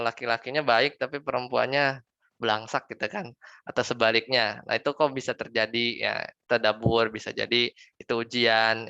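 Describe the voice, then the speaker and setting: A man gives a religious lesson in a crisp, gravelly voice, pausing often on fillers and slowing to recite verses. The sound is dry and a little dull. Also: medium pitch, sharp tone, dry recording. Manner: hesitant, many fillers, slows to recite Arabic verses. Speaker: Islamic teacher. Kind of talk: religious lesson on Quran reading. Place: online study session.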